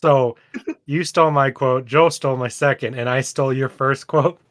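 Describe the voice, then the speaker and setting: A man's voice: mid-range voice, steady tone, normal speed, a bit bright, dry recording. Rambling, laughing man on a dry podcast mic. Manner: rambling, laughing, searches for words. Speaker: podcast co-host. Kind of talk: casual book-club chat.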